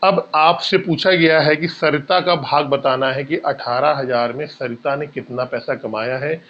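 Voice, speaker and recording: In this exam-prep maths lesson, a man teaches problems one step at a time, asking questions he then answers and addressing students as "bhaiya." He speaks unhurriedly in a slightly high, steady tone, and the audio is lo-fi.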